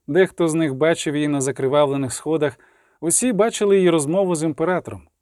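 Man, audiobook narrator, measured, fairly high pitch, dry recording. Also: a little mellow, no room sound. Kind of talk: scripted narration.

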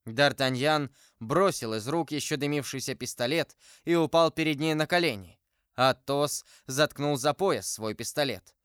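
Clear-voiced male audiobook narrator. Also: fairly high pitch, fairly bright tone, no room sound, clean studio sound. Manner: measured, dramatic reading.

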